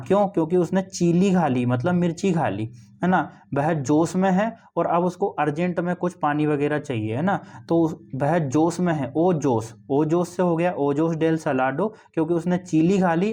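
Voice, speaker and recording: A man with a fairly high voice teaches exam-prep memory tricks. He walks through each one patiently, repeats key phrases and keeps checking in with the listener. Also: dark tone.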